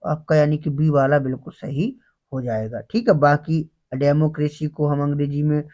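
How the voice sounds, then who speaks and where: A man's voice: fairly high pitch, mellow, lo-fi sound. A man teaching English vocabulary for an exam in Hindi, asking students questions and then answering them himself. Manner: reads English slowly, then explains in Hindi. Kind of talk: exam-prep grammar lesson.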